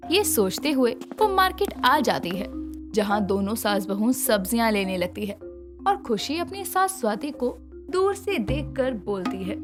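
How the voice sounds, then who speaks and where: A woman narrating a cartoon moral story in an expressive storytelling manner. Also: a little high, unhurried, over music.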